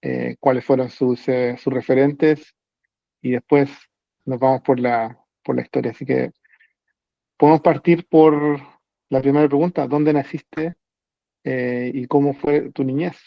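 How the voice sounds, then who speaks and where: Gravelly man hosting a podcast. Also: mid-range voice, fairly even intonation, measured pace, dry recording. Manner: hesitant, many fillers and restarts. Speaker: podcast host. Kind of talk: conversational interview. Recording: dry, dull lo-fi sound.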